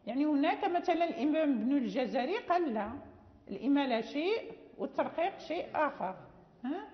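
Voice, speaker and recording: A woman's voice: high voice, lively intonation, fast. Woman teacher lecturing a class, keeps checking they follow, lots of fillers, long reverb in the room. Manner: patient explaining, often checks understanding; many fillers and restarts. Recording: dull lo-fi audio with long reverb.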